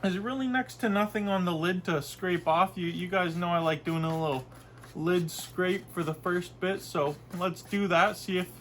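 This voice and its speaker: A young Canadian man with a cold-stuffed nose rambles through a casual food review in his small bedroom, full of fillers and restarts. His voice is high, a bit bright, and moves at a normal pace, with a little hiss or hum in the recording.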